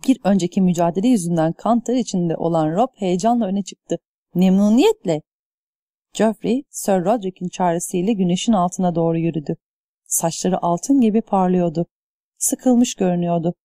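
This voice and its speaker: A woman narrates a story at an even, measured pace. Her voice is warm and mellow in tone, and it is recorded close to the mic in a dry space with no reverb. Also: fairly low pitch. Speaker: audiobook narrator. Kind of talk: scripted narration.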